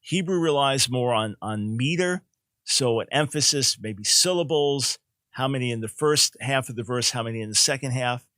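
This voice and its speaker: An older man teaches on his call-in show, emphatic and explanatory, doubling back on words as he restarts a thought. His voice sits at an ordinary middle pitch. The sound is dry and close, with no room to it. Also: normal speed, pushed and bright, dry recording. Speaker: radio talk show host and Bible teacher.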